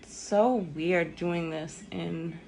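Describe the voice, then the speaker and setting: A woman's voice: on the low side, fairly even intonation, slow pace, vocal fry, darkish tone, soft background music. A young woman hosting a live makeup tutorial from home, rambling and self-deprecating as she chats with viewers. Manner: rambling, self-deprecating, lots of ums and likes.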